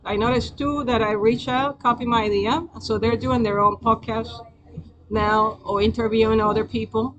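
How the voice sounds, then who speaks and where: A livestream host with a Spanish accent chats loosely with viewers, rambling and hesitant, full of fillers and restarts. Her voice is fairly high with fairly even intonation at a normal speed, captured on lo-fi audio against a noisy background.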